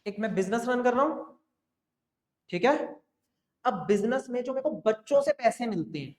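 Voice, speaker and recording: A man's voice: very high voice, animated, normal speed, darkish tone. A man teaching an accounting class, talking students through the basics and often checking that they follow. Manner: coaxing, keeps checking in with students. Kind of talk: classroom lecture. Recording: roomy echo.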